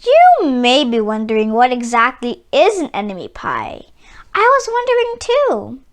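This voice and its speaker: A woman reading a children's story aloud in an expressive, theatrical way, drawing out key words for emphasis. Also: fairly high pitch, measured pace. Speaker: children's book reader.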